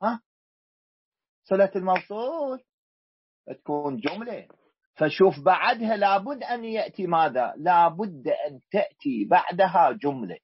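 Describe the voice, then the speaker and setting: Iraqi male teacher, husky and animated, drills students with repeated questions on dry lo-fi audio. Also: sits high, normal speed. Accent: Iraqi Arabic. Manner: questioning, repeats key words to the class. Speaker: grammar teacher. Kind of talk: classroom grammar lesson. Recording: dull lo-fi recording.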